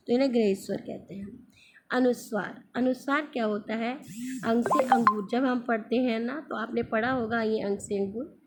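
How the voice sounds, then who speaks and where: Female teacher, patient and explanatory, voice a little high, quiet background noise. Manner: patient teacherly tone, addresses students as "beta", asks and answers her own questions. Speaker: Hindi grammar teacher. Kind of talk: screen-recorded classroom lesson.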